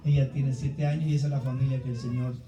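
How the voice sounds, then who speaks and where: A guest preacher, a middle-aged man with an Ecuadorian Spanish accent, speaks fast in a mellow, mid-range voice with a level tone, with soft background music present. He opens his sermon to the church congregation with a personal introduction. The church hall recording is roomy and distant-miked, with faint background noise.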